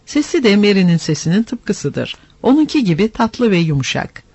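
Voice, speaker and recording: A man voicing an eager, earnest boy who speaks of his lost father with heartfelt warmth in a storybook reading. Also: high-pitched, very animated, normal speed, husky, dry recording, exaggerated voice. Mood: fond.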